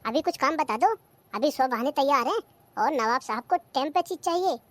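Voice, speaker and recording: A performer voicing a bossy, sharp-tongued old village mother-in-law in a cartoon comedy, nagging and taunting. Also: high-pitched, animated, a little fast, background noise. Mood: scolding. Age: older. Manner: nagging, taunting, complains about the old days.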